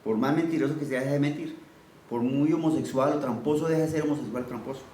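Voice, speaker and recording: A man's voice: medium pitch, fast, warm tone, roomy sound, far from the mic, slight background noise, rough recording. A man preaching a sermon, teaching conversationally and asking his listeners questions as he goes.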